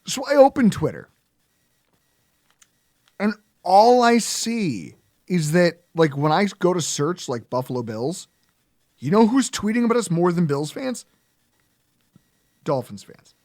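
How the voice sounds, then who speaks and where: A lively man tells stories in casual podcast chat, laughing as he goes. His voice is fairly high and swings widely in pitch. The recording is close and dry. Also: unhurried, pauses often, no echo. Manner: animated, laughing storyteller. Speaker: podcast co-host.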